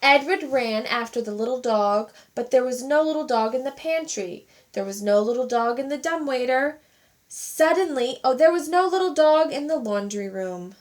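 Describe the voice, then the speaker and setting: A teacher reading a children's storybook aloud with expressive, animated narration. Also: female voice, sits high, normal speed.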